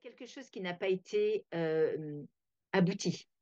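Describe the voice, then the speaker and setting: A woman's voice: fairly low pitch, a little slow, a little mellow, dry recording. A woman hosting a reflective talk, thinking aloud with many fillers and restarts. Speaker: host. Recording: dull, dry lo-fi sound.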